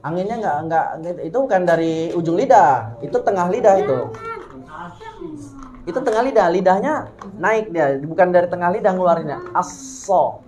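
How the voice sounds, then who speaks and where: A woman with a fairly low voice leads a recitation lesson. She corrects each attempt and models the sounds again and again, patiently drilling the class. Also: animated, normal speed, a crowd in the background. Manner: corrective, demonstrates sounds repeatedly. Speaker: Quran recitation teacher. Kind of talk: hands-on recitation coaching.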